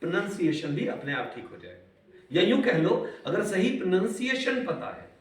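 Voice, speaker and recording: A man teaching a class, switching between Hindi and English, quizzing his students and stretching words out slowly. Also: high-pitched, big pitch swings. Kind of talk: classroom lecture. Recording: echoey classroom, far from the mic.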